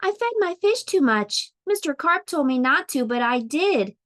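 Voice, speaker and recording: An anxious, earnest storybook child, acted out by a woman reading aloud. The voice sits high, with pleading exclamations over a pet fish. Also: very animated, moderate pace, a bit bright. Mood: alarmed.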